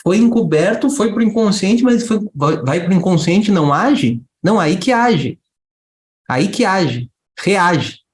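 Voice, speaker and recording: A man giving a lively spiritual talk to a group, asking rhetorical questions and briefly acting out a child and a mother. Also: high-pitched, unhurried, reverberant. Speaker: spiritual teacher.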